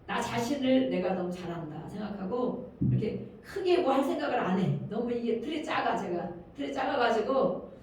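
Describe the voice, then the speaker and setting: An older woman pastor preaching an earnest sermon, her voice swelling loud on key phrases and then dropping low. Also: animated, normal speed, slight background noise. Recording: very echoey room, speaker far from mic.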